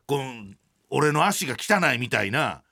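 A man with a Kansai accent telling a comic anecdote in casual talk, animated and acting out other people's voices. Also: mid-range voice, a little slow, gravelly. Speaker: storyteller.

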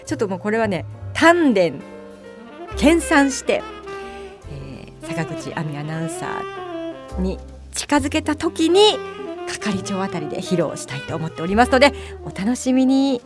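A woman hosting a late-night radio talk show as a bar mama. She is chatty and playful, with drawn-out fillers. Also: a little high, sing-song, over music.

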